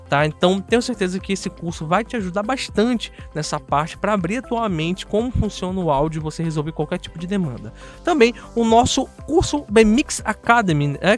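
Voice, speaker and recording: A high-pitched male voice with a Brazilian Portuguese accent. He presents a software tutorial in a casual, chatty way, speaking directly to his viewers and often tagging on little check-in questions. Faint music plays underneath. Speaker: host of an audio software tutorial channel.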